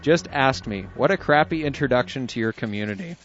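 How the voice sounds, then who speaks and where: Co-hosting an internet radio show, a man reads listener emails aloud, chuckling and adding asides in relaxed chat. His voice is medium-pitched, expressive, slightly bright and a little fast, and the audio is dull and lo-fi with faint music.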